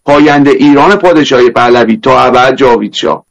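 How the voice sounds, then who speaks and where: A man's voice: mid-range voice, vocal fry. A man with an Isfahani Persian accent giving an emphatic political address as a panel guest.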